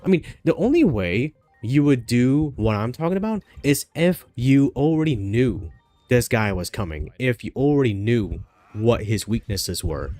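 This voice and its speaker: Faint music plays behind a male gaming streamer who has a stuffy cold. His medium-pitched, warm voice has a sing-song lilt at normal speed as he chats and reasons through the game, often restarting and filling gaps with ums.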